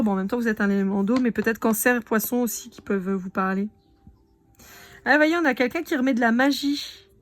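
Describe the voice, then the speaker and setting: A woman giving a casual live card reading, chatting directly to her viewers. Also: on the high side. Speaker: tarot card reader.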